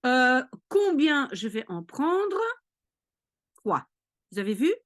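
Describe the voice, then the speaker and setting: A woman's voice: high voice, very animated, slow pace, a bit bright. A woman tutoring maths, explaining patiently step by step and checking in often with her listeners. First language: Dutch. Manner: patient, repeats checks like "ok?" and "d'accord?". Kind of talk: explanatory lesson.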